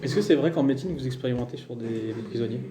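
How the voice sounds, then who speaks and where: A man's voice: medium pitch, racing, over music, close to an everyday voice. A man voicing a very old man who questions people formally in a tabletop role-play. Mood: curious, probing. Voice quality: old man's voice. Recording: roomy, noisy tabletop recording.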